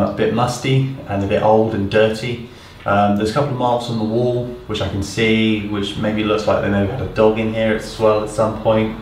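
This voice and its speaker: A man's voice: lowish voice, slight background noise. Man touring an echoey empty house. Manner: relaxed, thinking aloud with many ums. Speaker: property renovator. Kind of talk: casual walkthrough vlog. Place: empty house, bare indoor rooms. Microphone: camera mic at a distance. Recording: echoey empty rooms, slightly distant mic.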